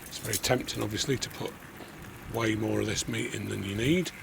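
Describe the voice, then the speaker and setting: A man talks casually through a backyard cook, his voice gravelly with fry. Steady outdoor noise and passing traffic sit clearly behind him. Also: on the low side, brisk. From New Zealand. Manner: relaxed, chatty, talks to viewers. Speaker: barbecue cooking host. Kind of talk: casual cooking demonstration.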